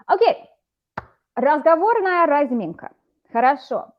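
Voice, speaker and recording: A woman's voice: high-pitched, sing-song, takes it slowly, muffled recording. A woman tutoring a student over a video call, explaining words patiently. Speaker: Russian teacher. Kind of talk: online language lesson.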